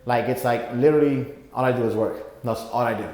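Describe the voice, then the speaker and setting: A man's voice: mid-range voice, a little fast, darkish tone. A young man from Puerto Rico, raised in Florida, talking as a guest in a casual interview, rambling with lots of fillers and restarts. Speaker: podcast guest. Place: gym. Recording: echoey room with long reverb.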